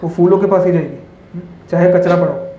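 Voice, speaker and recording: Man, spiritual speaker, high voice, parables, audience questions, echoey hall. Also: fairly even intonation, quick pace, dark tone, lo-fi sound, slight background noise. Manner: asks the audience constant tag questions; tells parables and stories. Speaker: monk speaker. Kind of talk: spiritual talk to a live audience. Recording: echoey hall with faint ambience.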